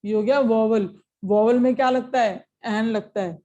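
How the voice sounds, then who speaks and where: This woman's voice sits a little high and has a dark tone, delivered at normal speed, with the high frequencies cut off. She teaches grammar for exam preparation, blending Hindi with English, explaining each step and frequently pausing to ask brief check-in questions.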